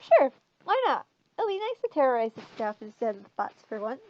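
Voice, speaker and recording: A woman's voice: high-pitched, big pitch swings, measured pace. A woman voicing a sleepy, irritable young woman night guard with a smirking, snarky edge. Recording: dull lo-fi sound.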